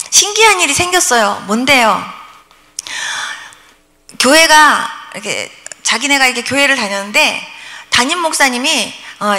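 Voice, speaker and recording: A woman in her sixties, a pastor telling testimony stories at a revival sermon, acting out prayers and dialogue as she goes. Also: high-pitched. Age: 60s. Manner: lively storytelling, acts out prayers and dialogue. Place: church revival meeting hall. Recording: long hall reverb.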